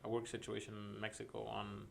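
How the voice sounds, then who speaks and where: A man's voice: lowish voice, completely flat delivery, brisk, creaky, slight background noise. A man co-hosting a podcast in casual banter, teasing and interjecting, often repeating his phrases. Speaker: podcast co-host.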